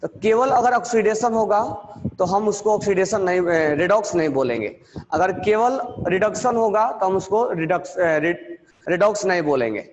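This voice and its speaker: A man teaching chemistry in a classroom lecture, with terms, repeating key words slowly and quizzing his students. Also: high-pitched, lively intonation, long reverb tail, slight background noise.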